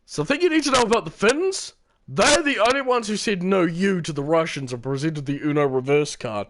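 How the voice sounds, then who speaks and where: A man's voice: a little high, animated, brisk, a bit bright. A man streaming a game and chatting casually, rambling, repeating himself and laughing often. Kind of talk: casual gameplay commentary.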